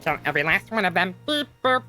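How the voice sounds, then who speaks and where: A woman's voice: lowish voice, big pitch swings, fast talker, bright, forceful tone, faint music behind. A woman at play voicing a small, stubborn robot witness in a put-on robot voice, clipped and beeping. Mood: menacing. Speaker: game player voicing characters. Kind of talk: let's play character voicing.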